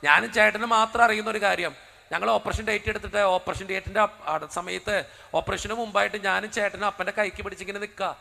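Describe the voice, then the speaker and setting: Fast, high, gravelly-voiced priest preaching. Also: male voice, fairly even intonation, bright, forceful tone, big-room sound. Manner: dramatic storyteller who acts out the dialogue. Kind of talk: sermon told as a personal story.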